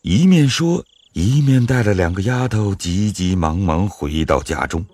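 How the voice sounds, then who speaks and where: A man narrating an audio drama in a measured storytelling manner. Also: deep voice, lively intonation, darkish tone.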